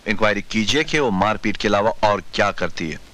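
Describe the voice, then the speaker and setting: A proud rich businessman who talks fast in a bright, firm voice. He sounds indignant and gives orders. It is 1990s Bollywood film drama. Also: on the low side, animated. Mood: commanding. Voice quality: indignant, commanding.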